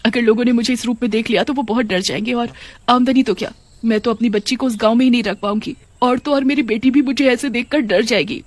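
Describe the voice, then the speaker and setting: A woman's voice: a little high, steady tone, quick pace, no echo, voice pushed up, close to an everyday voice. A woman doing a tender, grieving witch-mother. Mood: relieved. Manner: pleading, emotional.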